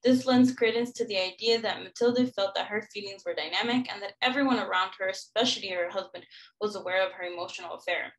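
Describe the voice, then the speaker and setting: A young woman gives a student lecture on a song cycle, pointing out highlighted passages in the score as she goes. Her voice sits at an ordinary middle pitch, and her delivery is explanatory and academic. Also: quick pace, poor audio. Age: young adult. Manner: explanatory, walking through a score. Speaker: music student presenting a lecture recital. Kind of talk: academic presentation.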